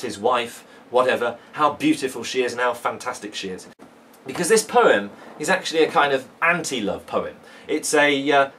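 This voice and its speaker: An English teacher gives a casual poetry video lesson from his living room, chatty and enthusiastic, full of fillers and restarts. His mid-range voice is slightly bright, with a little hiss or hum in the recording.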